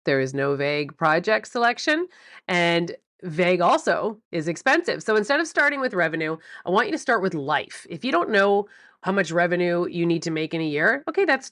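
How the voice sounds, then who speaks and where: A woman hosting a solo business podcast, coaching listeners in an animated, emphatic way and stressing key words by repeating them. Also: lowish voice, gravelly, dry recording, studio quality. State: morning voice before coffee. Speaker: podcast host and business mentor.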